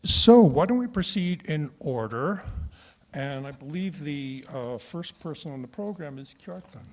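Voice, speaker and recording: A man chairing a conference who gives a prepared, formal address in a measured reading manner. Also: fairly high pitch, lively intonation. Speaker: conference moderator. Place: conference room.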